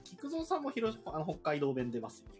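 A man from Hiroshima, co-hosting a relaxed group chat and laughing as he explains things. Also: fairly high pitch, fairly quick, soft background music. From Hiroshima, Japan.

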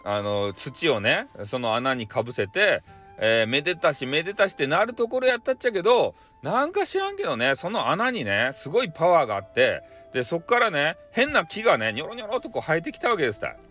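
A man's voice: on the high side, very animated, brisk, pushed and bright, soft background music. A man with a Hakata accent casually retelling a folk tale for bedtime, playful and rambling. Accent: Hakata dialect. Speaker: storyteller.

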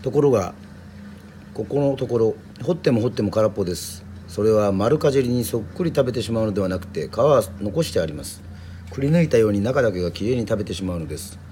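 A man from Yoron Island, a musician and podcast host, reading a children's story aloud in a steady storytelling manner. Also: lowish voice, fast, slight background noise. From Yoron Island, Japan. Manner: steady storytelling with casual asides.

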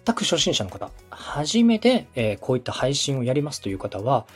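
A man from Osaka, Japan, a podcast host, coach and radio director, offers polite, encouraging instructional advice during a podcast dialogue. He speaks at normal speed in a mid-range, sing-song voice with a breathy edge, against soft background music.

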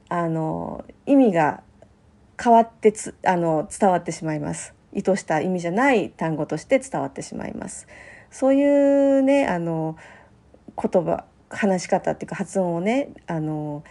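A middle-aged woman hosts her own podcast, talking alone. Her voice is mellow and warm, never bright. She speaks in a gentle, chatty way and fills her pauses with small hesitations. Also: lowish voice. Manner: gentle, chatty, many fillers. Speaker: podcast host. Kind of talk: solo podcast talk.

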